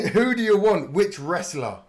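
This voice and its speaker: A British man in his thirties hosting a live watch party stream, chatting and joking with viewers and laughing often. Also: high voice. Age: 30s. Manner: chatty and jokey, laughs often, swears casually. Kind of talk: live reaction chat.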